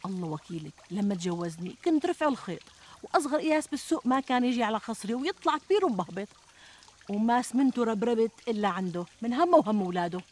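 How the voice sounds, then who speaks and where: Very fast-talking, fretful Syrian housewife. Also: female voice, a little high. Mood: plaintive. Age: middle-aged. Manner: plaintive, expressive complaining. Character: plump, fretful, self-deprecating housewife and mother. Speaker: actress in a TV comedy drama. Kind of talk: conversational TV comedy sketch acting. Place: outdoors in a garden. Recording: outdoor ambience, trickling water noise.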